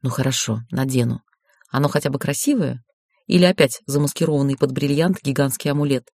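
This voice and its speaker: A woman's voice: extremely low pitch, brisk, a little mellow, dry recording, studio quality. A woman voicing an ironic young heroine. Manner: ironic, skeptical. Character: sharp-tongued young heroine, a bride. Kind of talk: audiobook reading.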